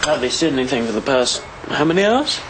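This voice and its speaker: A man's voice: mid-range voice, very animated, fast, heavy background noise, close to an everyday voice. An actor playing a wry, teasing young man next door in a TV soap, with a New Zealand accent. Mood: sardonic, probing. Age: young adult. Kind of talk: naturalistic TV soap acting. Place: indoors, small flat.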